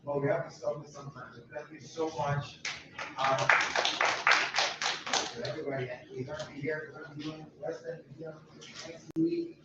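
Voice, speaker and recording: An American man with a fairly high voice and lively intonation leads a walking group through a neighborhood, talking at a normal speed in an emphatic, rambling, repetitive way. The recording is very noisy, distant, echoey and muffled under loud ambience.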